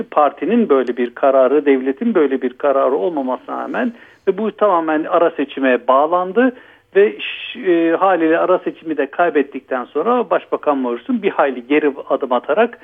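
A man calling in by phone as a guest commentator, giving measured, explanatory analysis over a phone line. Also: fairly high pitch, animated, creaky, slightly rough.

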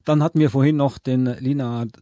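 A man hosting a radio program, chatting in a relaxed way and asking his co-host questions. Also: medium pitch, normal speed, no room sound. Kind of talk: radio chat and sign-off.

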